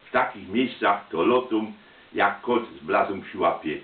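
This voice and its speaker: A man's voice: on the low side, unhurried. A man with a Silesian accent telling personal anecdotes in a chatty, colloquial dialect. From Silesia, Poland. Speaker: storyteller, amateur photographer. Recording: tinny, roomy, distant microphone.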